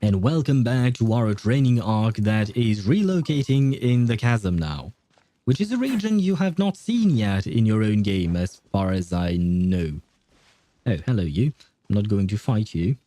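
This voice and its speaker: This male host's voice is fairly low, mellow and sing-song, moving at a measured pace through casual game stream chat. He rambles on his livestream and keeps losing his thread.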